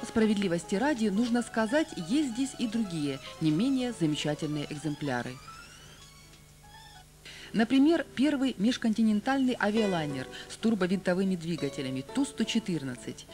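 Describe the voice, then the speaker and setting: A young adult woman presenting a television documentary with polished, expressive scripted narration. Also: mid-range voice.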